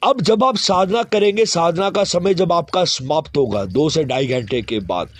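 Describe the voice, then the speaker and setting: A man's voice: fairly high pitch, animated. Man giving step-by-step ritual instructions. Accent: Hindi. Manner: fills pauses with repeated "theek hai"; step-by-step, directive delivery.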